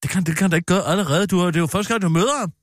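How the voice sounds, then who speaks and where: A man's voice: high-pitched, no room sound. A man hosting a comic radio show, trading dry, sarcastic banter and reading mock news. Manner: dry, sarcastic, correcting others. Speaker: radio host.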